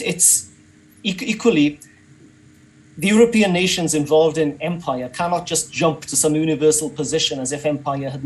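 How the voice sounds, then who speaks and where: A man's voice: fairly high pitch, rough recording. A man giving an academic talk over a video call, thoughtful and hesitant, with many fillers and restarts. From Wales. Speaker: conference panelist.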